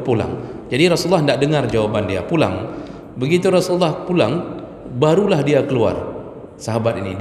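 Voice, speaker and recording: A man delivers a relaxed sermon lecture, joking and chatting directly with his listeners. His voice sits at an ordinary pitch and rings out in a roomy mosque hall. A long reverb trails his words, with faint ambience behind. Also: a little hiss or hum. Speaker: preacher.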